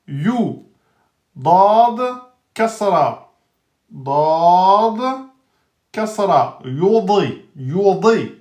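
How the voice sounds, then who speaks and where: A man teaching Arabic letters in a live online lesson, spelling out each letter and vowel and repeating every word slowly. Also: high-pitched, reverberant. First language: French speaker teaching Arabic.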